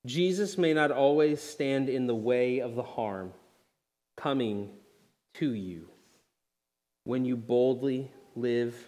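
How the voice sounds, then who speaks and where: A male pastor preaching a sermon, earnest and direct, dropping to near-hushed lines and then rising loud and emphatic. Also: medium pitch, slow, long pauses.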